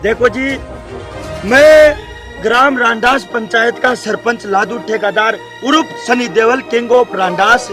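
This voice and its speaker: An actor playing a stubborn male village headman with a Rajasthani accent who pleads and shouts demands at a politician. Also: very high voice, unhurried, exaggerated voice. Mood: complaining. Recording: background music and crowd noise.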